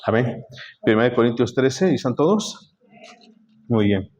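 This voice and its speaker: A man's voice: mid-range voice, lively intonation, moderate pace, darkish tone, muffled recording. A man preaching a sermon in a church, often turning to the congregation with rhetorical questions. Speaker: pastor.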